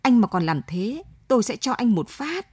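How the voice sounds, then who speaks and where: A woman's voice: a little high, big pitch swings, normal speed, mellow, slightly rough, no echo. A woman voicing an earnest, guilt-ridden young man in a story reading. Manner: earnest, emotional.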